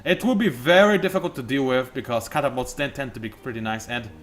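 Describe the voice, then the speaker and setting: This let's play host has a mid-range voice and a quick pace. He gives loose, joking commentary on a strategy game, talking through his thinking and ribbing himself.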